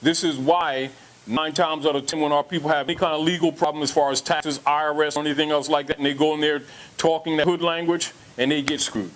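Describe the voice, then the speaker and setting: A man's voice: fairly high pitch, fairly even intonation, fast talker, a bit bright, rough recording. A man giving an emphatic lecture to an audience, repeating points and asking rhetorical questions.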